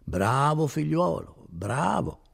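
A man voicing a sly middle-aged notary who speaks in a slow, coaxing, unctuous way. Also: mid-range voice, very animated, darkish tone.

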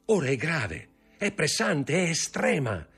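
A man voicing a proud young man in an audiobook reading, grave, measured and bitter. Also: on the high side, sing-song, gravelly, a bit bright, slightly rough, faint music behind, voice pushed up, exaggerated voice. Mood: urgent.

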